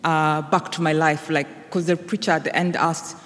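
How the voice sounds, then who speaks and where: A woman's voice: deep voice, flat delivery, normal speed, a bit bright. A woman with a Kenyan accent giving an informal personal testimony to a congregation. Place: large indoor church or hall. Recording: echoey hall with long reverb.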